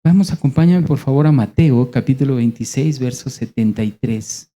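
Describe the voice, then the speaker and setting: Dark-voiced Mexican preacher. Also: male voice, medium pitch. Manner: conversational, rhetorical questions, dramatic pauses. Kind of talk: sermon.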